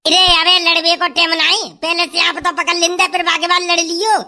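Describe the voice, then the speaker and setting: A woman performing a village comedy sketch, talking loud and bantering. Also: very high-pitched, level tone, fairly quick.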